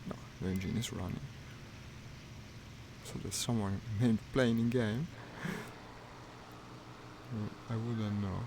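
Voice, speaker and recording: Speaking slowly, with a steady tone and long pauses, a gaming streamer with a lowish voice comments wryly on his flight sim session, partly to himself. Noise runs through the stream audio.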